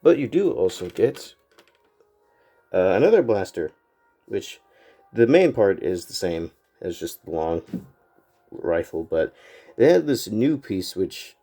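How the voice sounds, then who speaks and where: This man's deep voice comes slowly, with frequent pauses, as he casually goes over a toy set. A cold leaves him congested and a little nasal, and he rambles along in a relaxed manner full of fillers.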